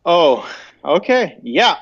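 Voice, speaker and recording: A man in his thirties with a Belarusian accent, telling stories casually and haltingly as an interview guest. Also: a little high, big pitch swings, a bit bright, husky. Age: 30s. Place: indoor room, video call. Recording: dull lo-fi video-call audio.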